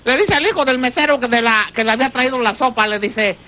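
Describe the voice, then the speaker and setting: A man's voice: very high voice, fast talker, pushed and bright. A man with a Mexican accent telling rambling jokes in a comedy sketch, laughing at his own punchlines.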